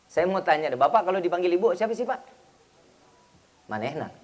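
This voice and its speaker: A man's voice: high-pitched, rapid-fire. A man preaching a humorous sermon in speech, teasing his listeners and acting out bits of dialogue. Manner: teasing, slangy, acts out quoted dialogue.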